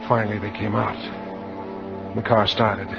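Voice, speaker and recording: An American man performs 1950s radio drama, voicing a hard-boiled insurance salesman who confesses to murder in terse, matter-of-fact first-person noir narration. His lowish voice has little pitch movement, a measured pace and vocal fry, and the mood is grim and confessional. The dull old radio broadcast carries loud music behind him.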